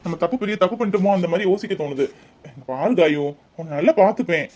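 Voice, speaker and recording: A man's voice: high-pitched, fast talker, darkish tone. A man playing an earnest young newlywed. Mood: pleading. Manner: coaxing, pleading, earnest. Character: young newlywed husband, pleading and caring. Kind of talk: cartoon voice acting.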